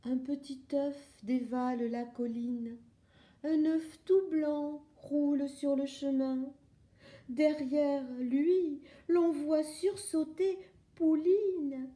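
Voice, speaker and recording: A woman narrating a children's picture book in a bright, high voice. She reads slowly and playfully, in a sing-song rhythm. The sound rings in a roomy, echoing space. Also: fairly even intonation. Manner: slow, sing-song, playful read-aloud. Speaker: storyteller. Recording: roomy echo.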